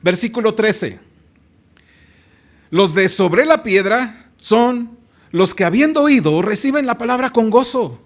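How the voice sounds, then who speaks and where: Man, Mexican Spanish accent, emphatic sermon, raised pitch, church congregation reading along. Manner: emphatic preaching, drawn-out phrases, calls on the congregation to read along. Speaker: pastor.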